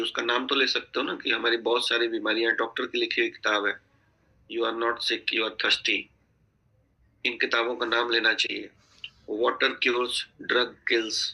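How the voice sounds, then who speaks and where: Man, sales trainer, very bright tense tone, mid pitch, instructive, checks in with listeners. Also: highs cut off. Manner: instructive, repeatedly checking in with "theek hai?". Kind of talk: coaching talk on a group video call. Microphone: video call.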